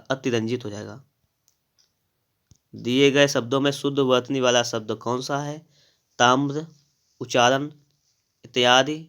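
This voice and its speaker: A man of middle pitch teaches an exam-prep spelling lesson. He talks straight to his students and checks in often. He spells out each answer step by step and says the key words again slowly. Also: fairly bright tone. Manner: addresses students directly, with frequent "thik hai" checks. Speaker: Hindi grammar teacher.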